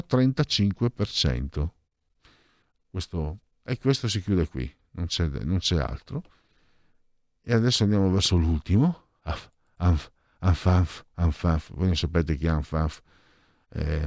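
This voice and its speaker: A man casually reading out opinion poll figures in a brisk run, adding wry side remarks. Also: mid-range voice, darkish tone, dry recording, studio quality. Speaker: commentator reading out opinion polls.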